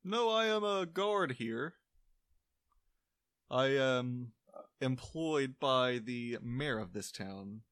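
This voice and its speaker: A man's voice: mid-range voice, expressive, very slow, pauses often, a bit bright, clear, resonant tone, no room sound. A man voicing a hostile, mocking male town guard in a tabletop game, talking in a sneering, threatening way.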